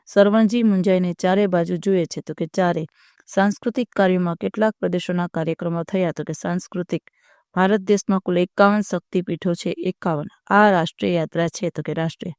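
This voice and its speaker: A teacher dictating workbook answers to students in a recorded video lesson, reading word lists at a steady pace. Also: medium pitch, fairly quick, clean tone, no room sound, studio quality.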